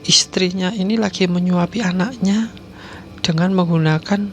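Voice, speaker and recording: Gravelly male horror storyteller. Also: high voice, normal speed, fairly bright tone, slight background noise. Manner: addresses listeners directly, often drops to a whisper. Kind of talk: spoken horror story narration.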